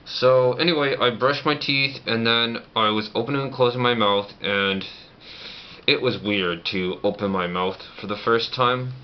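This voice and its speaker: A man's voice: medium pitch, measured pace. A man chatting casually in a personal vlog, talking through teeth held together by a banded-shut jaw. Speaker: vlogger. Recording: muffled lo-fi audio, clear background noise.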